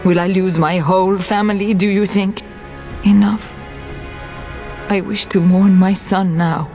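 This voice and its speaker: A woman's voice: mid-range voice, steady tone, unhurried, mellow, faint music behind, close to an everyday voice. An actress playing a desperate, grief-stricken noble mother in a fantasy video game, with a pleading, emotional delivery. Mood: grieving. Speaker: noblewoman character.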